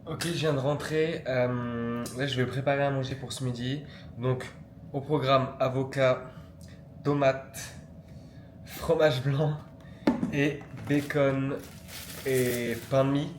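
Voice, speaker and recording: A young man from France chatting casually through a daily vlog, relaxed and full of fillers. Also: mid-range voice, takes it slowly, reverberant, noisy background. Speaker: vlogger.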